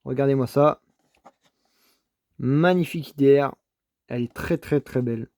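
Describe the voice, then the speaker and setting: A man's voice: medium pitch, moderate pace, a little mellow, no echo, studio quality. A man talking casually as he shows off his toy car finds, full of repeated enthusiastic praise, stammering and restarting as he goes, at his home desk setup. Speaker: toy car collector vlogger. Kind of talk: casual unboxing commentary.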